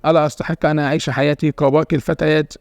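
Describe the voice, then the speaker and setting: Brief: frightened young granddaughter, man reading, hesitant and pleading, slightly high. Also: level tone, racing, no room sound, studio quality, soft background music, natural voice.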